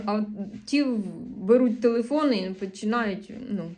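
Here the eastern Ukrainian vlogger, Sumy accent and all, speaks at a measured pace in a mid-range, darkish voice. She chats informally to camera, meandering and revising what she says. Taking on comments, she stays earnest but a bit on the defensive.

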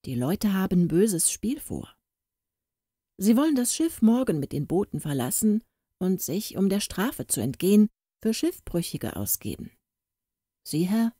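A woman voicing an old male boatswain, loyal and secretive, speaking in a hurried, lively way in a storybook reading. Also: mid-range voice, no echo, studio quality, voice pushed up. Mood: urgent.

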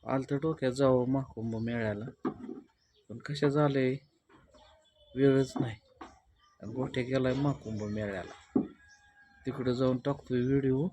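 A man's voice: medium pitch, steady tone, measured pace, pauses often, warm tone, a little hiss or hum. A man, chatting casually and teasingly in a village vlog, recorded outdoors at home in the early morning. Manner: chatty, teasing, rustic Marathi. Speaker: village vlogger.

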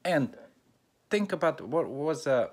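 A man from North Macedonia with an Albanian accent, talking casually and haltingly, with many fillers and restarts. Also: fairly high pitch, lively intonation, darkish tone, slightly rough. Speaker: YouTuber. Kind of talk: casual race preview monologue.

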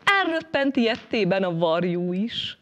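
A woman narrating a folk tale, lively and expressive, rising and falling with the action. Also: highs cut off. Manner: lively, shifting pitch and loudness with the action. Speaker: storyteller.

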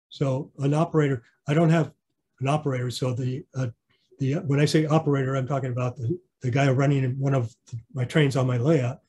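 A slightly high male voice, dark in tone with a breathy edge, presents an informal online slideshow about his model railroad via video call. His delivery wanders, full of fillers and false starts.

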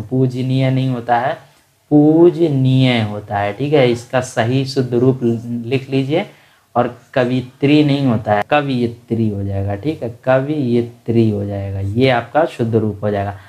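A man of medium pitch talks through an online grammar lesson. He explains each quiz answer one by one and repeats the correct forms for emphasis. He keeps addressing his viewers as friends. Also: moderate pace, mellow. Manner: calls listeners "friends". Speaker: exam prep teacher.

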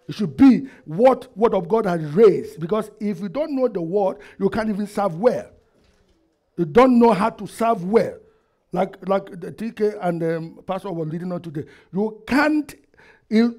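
A middle-aged pastor with a high voice preaches into a headset mic inside a church hall with a projector screen. He poses questions to the congregation and swings between loud and quiet.

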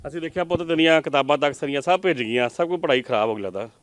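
A man from Punjab reporting on the scene at a flood-damaged home, talking quickly with an emotional, consoling tone. His voice is a little high, smooth and clear, recorded dry and close. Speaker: field reporter.

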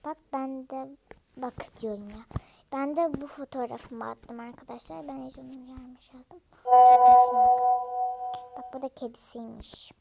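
High-pitched young girl vlogging. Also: fairly even intonation, normal speed, gravelly, muffled recording, over loud music. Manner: chatty, often drops to a whisper. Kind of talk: casual chat to viewers.

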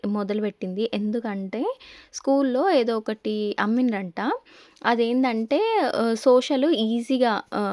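A woman's voice: a little high, dark tone, dry recording, clean studio sound. A young woman with a Telangana Telugu accent, narrating a family vlog in a chatty, storytelling way. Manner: chatty, storytelling with quoted asides. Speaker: family vlogger.

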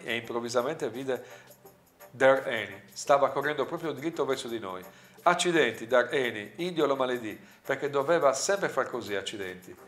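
A man narrating and reading a story aloud, breaking off for slow, reflective asides with hesitant fillers. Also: mid-range voice, a bit bright. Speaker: narrator and reader. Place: room with a director in front of him.

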